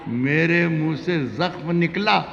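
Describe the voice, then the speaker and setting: A man recites romantic shayari in a markedly creaky voice, drawing out and repeating ghazal lines with dramatic swells. His declamation rings through a long hall reverb, and the recording is muffled with faint noise. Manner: dramatic, drawn-out declaiming that swells high and loud. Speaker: Urdu poet reciting at a mushaira. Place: poetry gathering with audience, reverberant hall.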